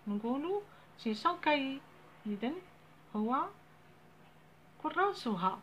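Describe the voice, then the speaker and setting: Algerian woman teacher, slow careful dictation. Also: high-pitched, expressive, fairly bright tone. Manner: slow, deliberate dictation of French words, switching to fast Arabic explanations. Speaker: primary school teacher. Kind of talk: classroom lesson explaining French grammar. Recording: dull lo-fi audio with faint ambient noise.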